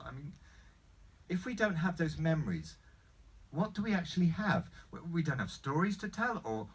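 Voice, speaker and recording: A man acts out a baffled male customer in a screenplay table read. His high, husky voice swings up and down as he stammers through sceptical questions. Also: fairly bright tone, distant mic, full character voice. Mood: doubtful.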